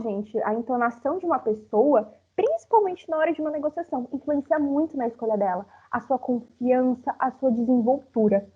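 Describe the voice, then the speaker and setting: A young woman in her twenties from Brazil giving a live talk, chatting directly with her audience. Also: high voice. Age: 20s. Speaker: speaker. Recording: phone-like narrow sound.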